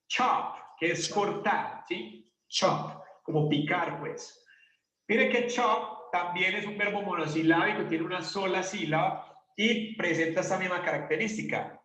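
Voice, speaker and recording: A man's voice: high-pitched, bright, forceful tone. A man teaching an English grammar lesson, explaining step by step and answering his own questions. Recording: roomy, distant, dull classroom recording.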